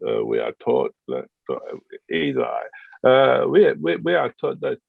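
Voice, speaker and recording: Man playing a very gravelly, weary soldier. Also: mid-range voice, huge pitch swings, no echo, exaggerated voice. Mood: hesitant. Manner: halting, groping for words. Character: weary, hesitant, disillusioned male Bretonnian soldier. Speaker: game master. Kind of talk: improvised tabletop role-play. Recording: dull, lo-fi close audio.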